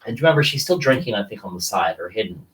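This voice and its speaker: A man co-hosting a podcast, animatedly retelling TV scenes in casual chat. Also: quick pace. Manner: animated storyteller, jumps in pitch when retelling scenes. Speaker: podcast co-host. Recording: distant from the mic.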